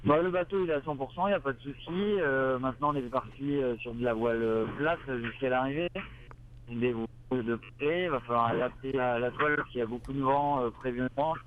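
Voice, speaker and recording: A man, a sailing race skipper, talking casually over a radio link from his boat, halting and full of hesitations. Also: mid-range voice. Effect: heard over a crackly radio link from a boat. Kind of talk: casual live interview. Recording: tinny radio link from sea.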